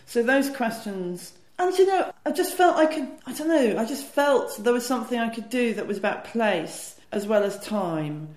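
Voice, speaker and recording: A woman's voice: on the high side, lively intonation, moderate pace, few pauses, a little mellow. A British woman author answering interview questions in a thoughtful, self-deprecating way, often restarting her sentences. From Britain. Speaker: author and guest. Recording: roomy echo.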